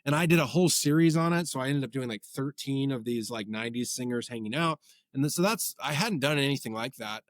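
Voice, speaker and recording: A man in his forties, a podcast guest, chatting casually and telling rambling, animated stories. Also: medium pitch, quick pace, no echo, studio quality. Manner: rambling, animated storytelling with many filler words. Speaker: podcast guest, comedy content creator. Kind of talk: casual chat.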